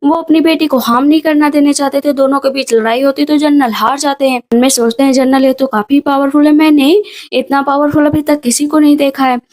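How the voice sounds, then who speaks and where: A woman with a high voice tells the story of a drama in a casual, brisk recap. She passes along what each character says without changing her own voice. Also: fairly even intonation, darkish tone.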